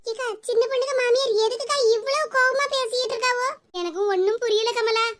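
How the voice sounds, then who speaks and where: A woman's voice: very high voice, steady tone, fast talker, background noise. A woman voicing a chatty, caring village neighbor woman. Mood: worried. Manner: chatty, concerned.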